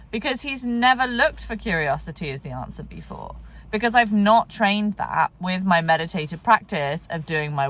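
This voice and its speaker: A woman's voice: medium pitch, fairly bright tone. A tired woman thinking aloud in a rambling vlog monologue about horse training, with many fillers and restarts. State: tired, yawning.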